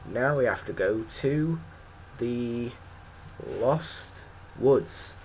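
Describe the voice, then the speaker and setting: A man's voice: medium pitch, animated, very slow, darkish tone, a little hiss or hum, low-quality recording. A man giving casual gameplay commentary as a let's play host, rambling and correcting himself with many ums.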